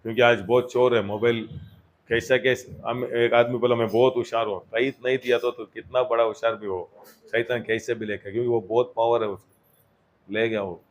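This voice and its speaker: A man's voice: mid-range voice, little pitch movement, normal speed, lo-fi sound. Man preaching a Hindi-English sermon. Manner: Hindi mixed with English words, swinging between loud exhortation and quiet asides. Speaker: pastor. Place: church.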